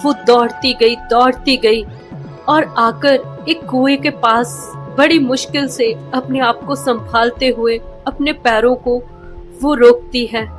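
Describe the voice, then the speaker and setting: A woman retells a romance story with dramatic, expressive narration. Her voice is high, and faint background music plays throughout. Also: slow pace.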